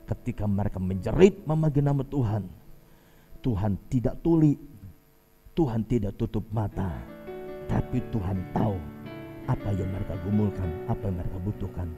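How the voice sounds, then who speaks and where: A man's voice: lowish voice, moderate pace, pauses often, dull audio, over music. A male pastor delivering a Sunday sermon in church, preaching emphatically with frequent sighing exclamations. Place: church service.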